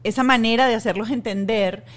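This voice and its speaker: A woman's voice: a little high, brisk. Storytelling woman host. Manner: storytelling, repeats words when searching. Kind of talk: casual chat.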